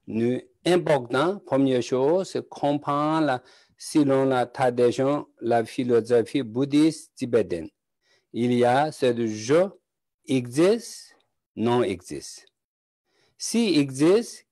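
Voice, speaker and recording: Slow-speaking Tibetan-accented male teacher. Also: mid-range voice, darkish tone, dry recording. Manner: halting, short phrases, searching for words. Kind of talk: slow teaching talk in broken French.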